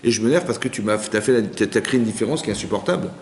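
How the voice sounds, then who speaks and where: A man's voice: fairly low pitch, very fast, darkish tone. A man, a rabbi, teaching a scripture class, translating verses line by line and asking the audience questions. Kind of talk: lecture on scripture. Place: community centre hall. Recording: echoey hall with long reverb.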